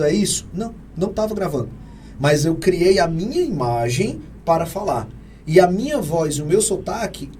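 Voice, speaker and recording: A man with a Brazilian Portuguese accent answering interview questions in an energetic, emphatic, teacherly way, often posing rhetorical questions. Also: high voice, a little hiss or hum. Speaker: real estate AI consultant guest.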